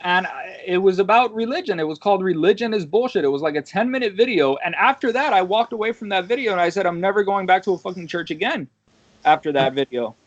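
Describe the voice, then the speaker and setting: A man in his twenties talks in a loose, rambling way, often tagging his points with a quick question and swearing casually. His voice sits a bit high for a man. The recording is dry with no room sound and a muffled, lo-fi tone. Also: animated, no echo. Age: 20s. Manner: rambling, with frequent "right?" tags and casual swearing. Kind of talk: casual podcast conversation. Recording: dull, dry lo-fi audio.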